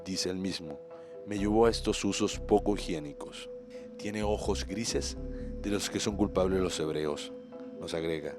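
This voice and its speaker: Male documentary narrator, low-pitched, measured scripted read over clear music.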